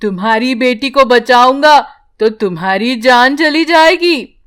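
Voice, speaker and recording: A woman voicing a friendly, protective male magic tree in an animated bedtime story, speaking slowly and kindly. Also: sits high, smooth.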